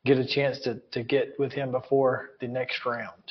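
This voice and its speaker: A man's voice: mid-range voice, level tone, moderate pace. A man hosting a casual sports talk show, easygoing and chuckling, often repeating words as he goes. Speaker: sports radio host. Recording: dull lo-fi sound.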